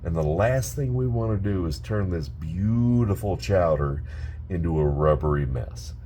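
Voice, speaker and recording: Man, cooking host, low voice, chatty, casual tutorial, home kitchen, faint background hiss. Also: expressive, unhurried, warm tone. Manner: chatty, keeps addressing viewers as guys.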